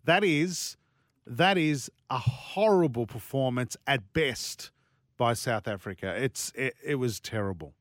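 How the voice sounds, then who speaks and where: A man's voice: medium pitch, animated, measured pace, no echo, studio quality. An Australian man hosting casual sports radio, emphatic and given to repeating himself. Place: dry radio studio.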